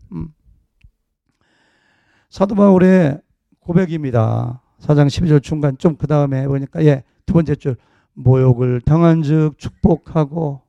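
Gravelly, conversational Korean pastor preaching. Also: male voice, fairly high pitch, dark tone, no room sound, dull audio. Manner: jokey, conversational preaching with laughs. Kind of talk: sermon.

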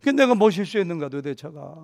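A middle-aged man, a pastor preaching a sermon, telling a humorous personal story and acting out the dialogue with lively shifts of voice. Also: on the high side, creaky. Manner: anecdotal and humorous, acting out dialogue in a wide-ranging voice.

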